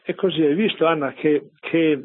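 A man's voice: fairly high pitch, moderate pace. A man preaching on scripture in a conversational radio talk, often checking with his listeners by asking "no?" or "vero?". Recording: narrow phone-like radio sound.

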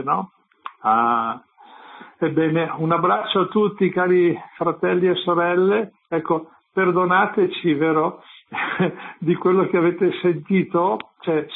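A man, a parish priest, preaching and scolding listeners on a religious radio show. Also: a little high. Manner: exhorting, scolding, addresses listeners directly. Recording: narrow phone-like radio sound.

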